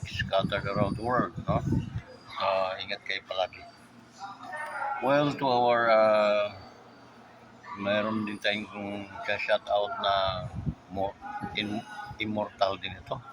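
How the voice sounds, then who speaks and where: A man hosting a casual vlog, joking and rambling, tagging his phrases with 'no?', a bit hoarse after a recent illness. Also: lowish voice, fairly even intonation, slow pace, long pauses. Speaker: motovlogger host. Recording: vlog with loud background noise.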